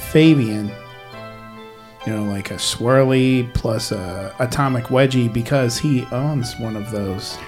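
A man's voice: medium pitch, slow pace, darkish tone, faint music behind. A man co-hosting a show in casual chat, with wry, joking storytelling. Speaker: podcast co-host.

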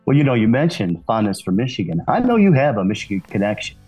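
Husky-voiced male podcast host. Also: on the low side, very animated, fast talker, darkish tone, highs cut off, soft background music. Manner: friendly, earnest introductions. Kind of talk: podcast hosting.

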